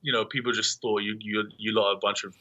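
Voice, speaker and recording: A man's voice: on the low side, flat delivery, fast, pushed and bright, lo-fi sound. A young English man, a band member, chatting casually and rambling with frequent laughs. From England. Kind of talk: casual chat.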